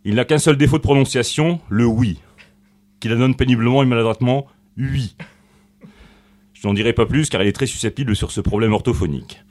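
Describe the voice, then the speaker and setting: A man from Corsica delivers a written tribute in a radio studio, reading with mock solemnity and dry irony. His pitch sits in an ordinary middle range for a man. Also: fast, a little mellow. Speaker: guest columnist.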